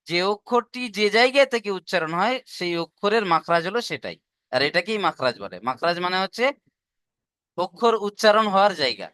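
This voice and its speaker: A man's voice: high voice, pushed and bright, clear, resonant tone, no room sound, studio quality. A man teaching an online class, patient and repetitive, often asking his students whether they have understood. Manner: patient, repeats points and asks checking questions. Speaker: Quran recitation teacher.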